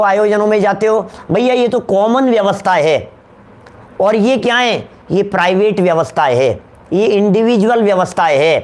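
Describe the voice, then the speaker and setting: High-voiced man teaching a religious lecture. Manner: didactic, repeats key terms, asks the audience questions. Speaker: Jain scholar giving a discourse.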